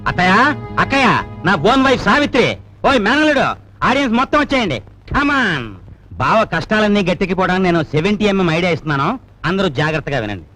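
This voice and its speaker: A cheeky, teasing son-in-law. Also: male voice, high voice, fairly bright tone, low-quality recording. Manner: teasing, playful, theatrical. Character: cheeky scheming young son-in-law, playful joker. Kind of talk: Telugu film dialogue. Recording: film soundtrack with music underneath.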